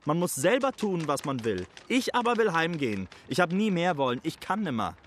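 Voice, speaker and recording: An actor playing a weary, stubborn soldier back from war in a stage play, brooding with defiant outbursts. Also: male voice, a little high, big pitch swings, fairly quick, slight background noise.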